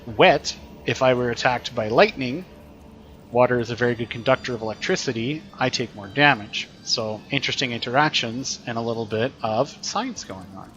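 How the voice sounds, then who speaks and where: A man talking through a video game as a teacher, chatty and explanatory, thinking aloud as he plays. His voice sits in a middle pitch, with faint room noise behind him. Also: moderate pace, a bit bright. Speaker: teacher streaming gameplay. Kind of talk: casual gameplay commentary.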